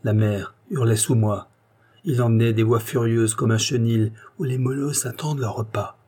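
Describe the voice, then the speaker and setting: Man, audiobook reader, husky voice, mellow dark tone, intense dramatic reading. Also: mid-range voice, fairly even intonation, normal speed. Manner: intense, swells to anguished outbursts.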